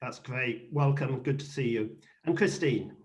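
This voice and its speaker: A middle-aged or older man hosting an event with a formal, courteous and deliberate introduction. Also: mid-range voice. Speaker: host, moderator.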